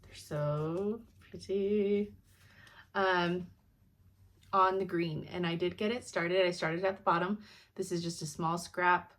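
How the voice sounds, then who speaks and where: A woman's voice: fairly low pitch, a bit bright. Chatty, rambling young woman. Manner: chatty, rambling, laughs often. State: sleepy. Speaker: cross-stitch vlogger. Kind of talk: casual chat. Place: home.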